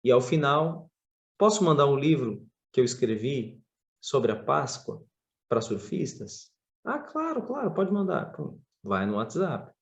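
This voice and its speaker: A man, chatting as a podcast guest. He tells stories expressively, his voice leaping up in pitch at moments, at a middle pitch overall. It sounds like relaxed interview talk. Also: unhurried, gravelly, dull audio. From Brazil. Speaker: podcast guest, surf instructor.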